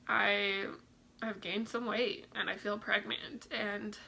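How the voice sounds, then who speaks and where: A woman's voice: mid-range voice, level tone, slow pace, creaky, sharp tone, a little hiss or hum, low-quality recording. A young woman chatting casually in a vlog, a little out of breath, with lots of "like" and "um" fillers. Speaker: vlogger. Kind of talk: casual pregnancy update vlog.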